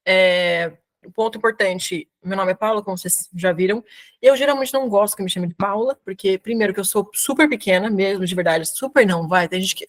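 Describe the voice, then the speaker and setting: A chatty woman from São Paulo, Brazil, with a São Paulo Portuguese accent presents casually as a guest speaker in a live webinar for a professional community. Her mid-range voice is informal, full of slang and frequent fillers.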